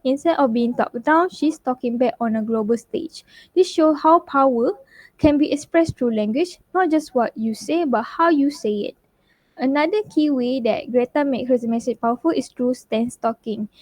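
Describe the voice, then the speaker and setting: A young woman with a high voice reads a scripted class presentation, pausing on fillers and fixing her slips as she goes. The sound is dry and close, with no room behind it. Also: darkish tone, dry recording. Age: young adult. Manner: reads steadily with frequent uh fillers and self-corrections. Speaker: university student presenter.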